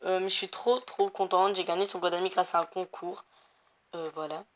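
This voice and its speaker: A young woman of Portuguese family background, a gaming YouTuber, chats casually while playing a video game. Her voice sits on the low side with a steady tone and normal speed, and she rambles with lots of fillers and self-corrections in this casual gameplay commentary.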